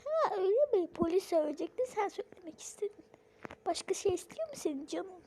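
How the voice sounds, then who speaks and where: A woman's voice: very high-pitched, big pitch swings, a little fast, warm tone, a little hiss or hum. A woman voicing a fed-up mother scolding her troublesome daughter in a game role-play, sighing and calling on God. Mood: exasperated.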